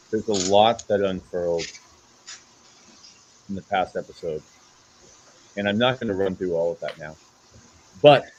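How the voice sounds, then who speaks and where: A man with a low voice runs a tabletop game as its game master. He narrates in halting, dramatic phrases, with some background noise behind him. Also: highs cut off.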